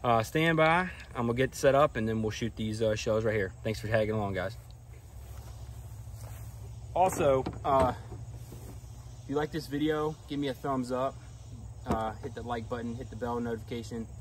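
A man's voice: mid-range voice, moderate pace, pauses often, a little hiss or hum. Laid-back young man filming outdoors. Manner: laid-back, counts pellets aloud. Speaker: outdoors channel host. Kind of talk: casual shooting range vlog. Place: outdoor shooting range in a grassy field. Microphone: camera mic a few feet away. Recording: distant outdoor camera mic, faint insects.

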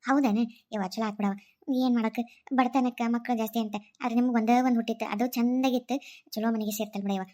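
A woman's voice: on the high side, fairly even intonation, quick pace, dark tone, pitched below the performer's own voice, close to an everyday voice. A woman voicing an older village mother with a North Karnataka Kannada accent, for a cartoon story. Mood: content. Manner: homely rural chatter, wailing laments. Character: older village mother, gentle, later grief-stricken.

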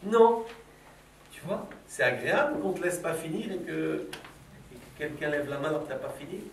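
In a children's philosophy session held in a school classroom, the middle-aged workshop leader uses Socratic questions to tease, probe and play with the class. He speaks at normal speed in a fairly high-pitched voice. The recording is roomy and distant, with faint background noise.

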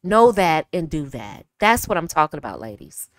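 A woman's voice: normal speed, no echo. Chatty woman coaching ladies, dry sound. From United States. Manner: chatty, direct, frequently addresses listeners as ladies; animated, swings pitch up and down to demonstrate. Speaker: femininity coach. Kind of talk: casual advice talk to women.

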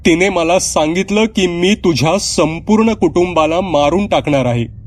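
A man's voice: mid-range voice, moderate pace, voice pushed up, close to an everyday voice. A man voicing a frightened young girl who insists she saw something in her room, speaking in a pleading, panicky way.

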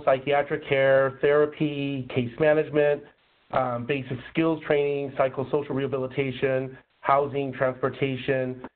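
A man presenting in a polite, formal way, his voice rusty and under the weather with a cold. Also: mid-range voice. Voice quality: rusty, slightly rough voice. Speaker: presenter, program local lead. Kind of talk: prepared webinar presentation. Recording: muffled, narrow phone-like line.

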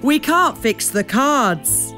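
A naughty little beetle boy with a squeaky, high, begging voice, as a woman acts him out. He wails his lines slowly with big swoops in pitch, made for a children's story. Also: lively intonation, pushed and bright, soft background music, full character voice. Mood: pleading. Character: mischievous young male stag beetle, now sorry.

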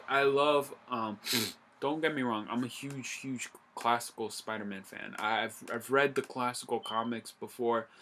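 A man's voice: mid-range voice, fairly bright tone, slight background noise. A young man giving a casual, enthusiastic video review, rambling with restarts and the odd swear word. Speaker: movie reviewer.

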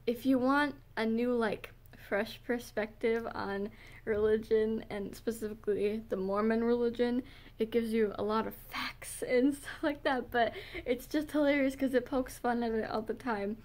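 A young woman chatting casually in a vlog, giggling often and filling pauses with "um", and she says she is losing her voice. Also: fairly high pitch. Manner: giggly, filler-heavy, gushing. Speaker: vlogger. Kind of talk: casual chat.

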